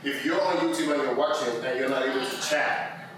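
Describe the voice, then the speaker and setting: A man hosting a casual group chat on a livestream, relaxed and laughing easily, recorded echoey from a distance. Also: mid-range voice, fairly quick. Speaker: show host. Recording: echoey room from a distance with background noise.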